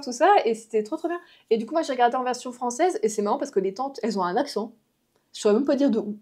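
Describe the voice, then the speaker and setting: A woman's voice: on the high side, warm tone. A woman chatting casually to her viewers in a vlog, rambling and full of fillers and restarts. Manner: chatty, addresses viewers directly. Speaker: vlogger.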